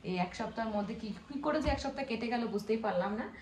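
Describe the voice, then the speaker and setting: A woman's voice: on the high side, expressive, fast, darkish tone, slight background noise. A young woman from Bengal, chatting to her viewers in a casual home vlog while she cooks in her kitchen. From Bengal, living away. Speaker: family vlogger. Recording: echoey kitchen with faint ambience.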